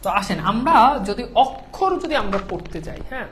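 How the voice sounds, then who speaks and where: A woman's voice: on the high side, big pitch swings, fairly quick. A woman with a Bangladeshi Bengali accent teaching an online class, patient, repeating points and often checking whether students follow.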